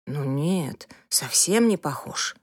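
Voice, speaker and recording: Old storybook father, low, slow and tired, gruff; a woman reader plays him. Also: expressive, a little mellow, no echo, studio quality, exaggerated voice. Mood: weary.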